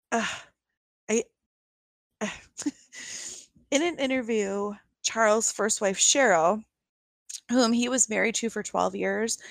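A woman's voice: mid-range voice, vocal fry, no echo. A young adult woman co-hosting a podcast, telling a true-crime story casually with lots of fillers and incredulous asides. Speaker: podcast co-host.

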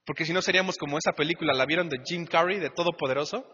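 A man with a Mexican Spanish accent preaching a lively, conversational sermon as pastor, asking the congregation rhetorical questions. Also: a little high, very fast, slightly rough. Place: church hall. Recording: muffled church hall recording with long reverb.

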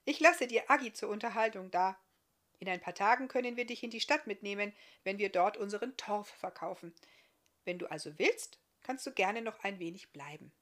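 A woman voicing a sensitive, caring teenage girl in a storybook, speaking softly. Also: medium pitch, animated, moderate pace, natural voice. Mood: friendly.

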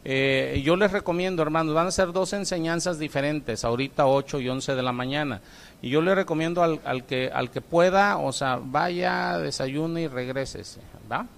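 A middle-aged man with a Mexican Spanish accent, a pastor giving an informal church talk with halting speech full of fillers and tag questions. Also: on the high side, gravelly.

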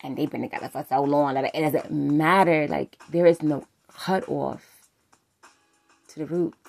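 A woman's voice: low voice, fairly even intonation, measured pace, vocal fry, a little mellow. A woman hosting a podcast, talking about relationships in a candid, rambling way, swearing freely and filling her talk with "like". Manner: loose and rambling, full of "like" fillers. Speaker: podcast host.

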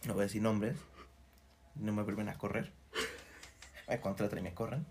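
A man's voice: on the low side, little pitch movement, moderate pace, creaky, noisy background. A man with a Mexican accent telling comic stories in casual, profane chat, peppering every phrase with slang fillers. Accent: Mexican Spanish. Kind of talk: casual comedic storytelling.

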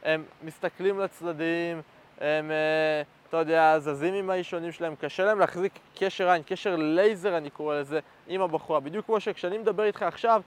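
High-voiced man coaching straight to camera. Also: steady tone, clean tone. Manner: direct and instructive, keeps checking in with "okay?". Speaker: dating coach. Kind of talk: direct-to-camera coaching talk. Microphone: facing the camera.

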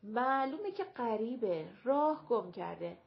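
A woman voicing a quarrelsome, mocking male clown of folk comic theater in an audiobook, talking loud and sing-song. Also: fairly high pitch, big pitch swings, vocal fry, muffled recording. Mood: scheming.

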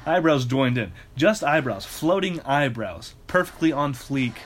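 Male host, deadpan comic read-aloud, mid-pitched everyday voice, casual and loose. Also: unhurried. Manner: deadpan reading broken by laughter. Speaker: host reading fan fiction aloud. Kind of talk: casual comedic reading.

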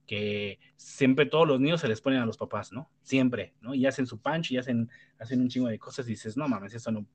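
A man's voice: mid-range voice, a little fast. Blunt Mexican man rambling in a chat. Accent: Mexican Spanish. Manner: rambling, many restarts and tag questions; blunt, swears freely. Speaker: panelist. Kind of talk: casual debate chat.

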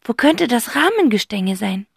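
Woman voicing an excited, quick-witted girl. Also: a little high, gravelly, breathy edge, dry recording, studio quality, pitched above the performer's own voice, exaggerated voice. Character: excited, sharp-witted girl, a child detective.

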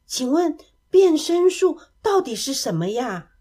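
A woman voicing a bashful but kind little boy who talks eagerly and excitably. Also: a little high, normal speed. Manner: eager, excitable, gently shy.

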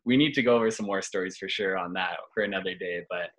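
Deep, bright-toned male podcast host. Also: fast, low-quality recording. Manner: friendly, rambling questions full of fillers. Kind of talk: casual interview chat.

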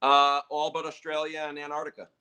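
A man's voice: a little high, monotone, a little fast, bright, forceful tone, clean tone. A man co-hosting a podcast in casual, conversational talk with a friend. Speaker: podcast co-host, real estate agent.

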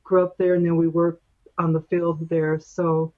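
Interview guest: woman in her 60s from Brazil, measured reflective storytelling, dull recording. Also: fairly low pitch, little pitch movement. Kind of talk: conversational recollection.

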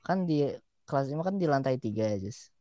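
A man's voice: medium pitch, animated, brisk, dark tone, no room sound, muffled recording. A young man, telling a school story in casual chat. He laughs through it and swears casually.

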